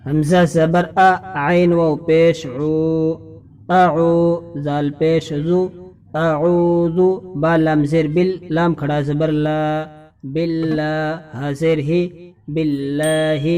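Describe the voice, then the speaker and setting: A young man teaching Quran reading, spelling out syllables slowly and chanting the verses. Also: a little high, dark tone. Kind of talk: spelling-out lesson with chanted recitation.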